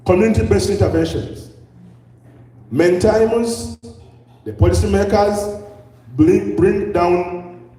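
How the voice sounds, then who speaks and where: Man, Ugandan accent, high mellow voice, lecture with rhetorical questions. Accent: Ugandan English. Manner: asks the audience many rhetorical questions. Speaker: public health speaker. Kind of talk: lecture to a live audience. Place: large hall with an audience. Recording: echoey hall, distant mic.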